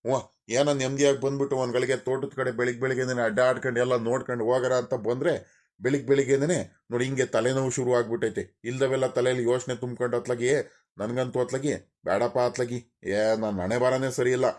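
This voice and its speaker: A man's voice: medium pitch, steady tone, quick pace, a little mellow, natural voice. A man voicing a scolding village father. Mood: fretful. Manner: scolding, grumbling, repeats himself. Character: angry worried father, village landowner, middle-aged man. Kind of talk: cartoon voice acting.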